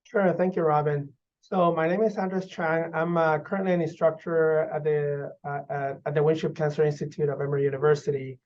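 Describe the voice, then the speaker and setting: A man's voice: fairly high pitch, steady tone, a little mellow. Guy in his 30s from guatemala, doctor explaining stuff, lots of uhs, muffled lo-fi sound. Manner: measured explanations with frequent uh fillers. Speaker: physician researcher. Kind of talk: interview answers. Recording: dull lo-fi audio.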